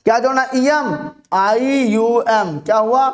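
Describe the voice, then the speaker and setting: With a mid-range voice, a teacher runs an online chemistry class, asking questions and answering them. Every term gets repeated slowly.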